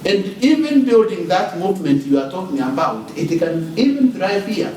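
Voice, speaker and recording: Speaking from the audience at a panel, a man from Kenya poses a question hesitantly, with many fillers and restarts. His voice is high, warm and sing-song at a moderate pace. The audio is distant from the mic in an echoey hall, with a little hiss or hum.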